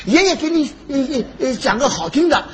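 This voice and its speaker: A doting old grandfather in a comedy stage sketch. His very high voice swings about as he eagerly spins his stories. The recording is clearly noisy. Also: normal speed, heavily acted. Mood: doting, pleased. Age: older. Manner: animated, chuckling storyteller. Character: elderly doting grandfather who loves retelling stories.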